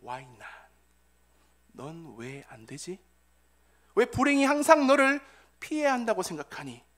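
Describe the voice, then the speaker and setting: A man doing the hushed, tender voice of God. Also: huge pitch swings, measured pace, exaggerated voice. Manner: hushed, low, half-whispered.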